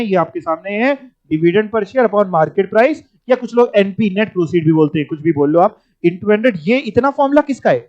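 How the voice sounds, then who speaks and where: High-voiced teacher. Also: male voice, a little mellow, no echo. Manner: explains step by step, repeating words and prompting students. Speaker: finance teacher. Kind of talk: classroom lecture. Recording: dull, dry lo-fi recording.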